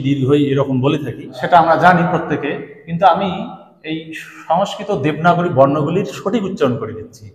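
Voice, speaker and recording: A man teaching students, explaining patiently and repeating sounds slowly. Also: a little high. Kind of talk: classroom lesson to students. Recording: echoey room with long reverb.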